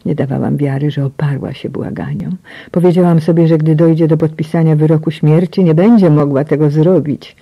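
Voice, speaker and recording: Woman audiobook narrator, breathy and hushed, emotional first-person read, dry slightly muffled sound. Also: low voice, fairly even intonation, a little fast, no room sound. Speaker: audiobook reader.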